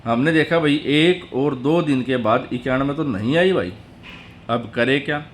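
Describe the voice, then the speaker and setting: A man hosting a tutorial video, chattily calling viewers brother and friends as he steps slowly through number patterns. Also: mid-range voice, a little hiss or hum.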